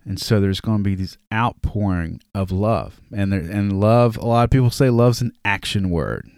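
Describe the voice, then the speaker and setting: Male host, Southern drawl, lowish voice, dry close sound, casual scripture talk. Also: normal speed, a little mellow, clear, resonant tone, dry recording. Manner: conversational, reads scripture aloud with restarts. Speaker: podcast host. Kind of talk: casual Bible study talk.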